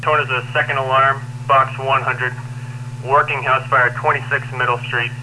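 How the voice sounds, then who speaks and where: A man's voice: mid-range voice, flat delivery, normal speed. A man working as a fire dispatcher, reading emergency radio calls in a formal, clipped, procedural way. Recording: noisy, distant two-way radio dispatch.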